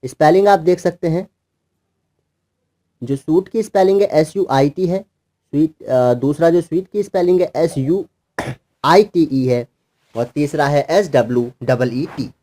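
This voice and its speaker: A man's voice: a little high, measured pace, warm tone. A man teaching children English words, patiently spelling them out letter by letter in Hindi. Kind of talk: explaining word meanings to children.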